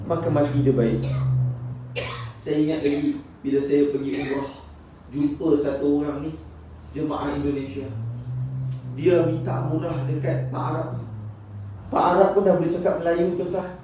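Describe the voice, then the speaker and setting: A man's voice: a little high, recorded from a distance, noisy background. A man with a Malaysian Malay accent preaching to a congregation in a mosque, telling funny stories and teasing his listeners. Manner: humorous, lively storytelling, teasing the congregation. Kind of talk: mosque talk. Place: mosque prayer hall. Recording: echoey hall from afar.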